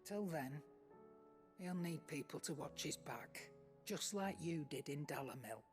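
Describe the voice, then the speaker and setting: Blunt old trader. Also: female voice, low-pitched, animated, measured pace. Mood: firm, blunt. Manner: blunt, folksy, no-nonsense. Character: gruff, shrewd old female trader called Nan. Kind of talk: video game dialogue. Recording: music behind the voice.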